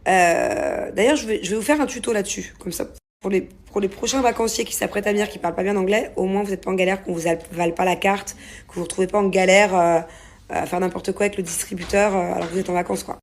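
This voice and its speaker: A woman's voice: medium pitch, steady tone, fast talker. A woman telling a rambling, casual story in a vlog from a hotel room, with lots of fillers. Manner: chatty, rambling with many fillers. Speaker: vlogger.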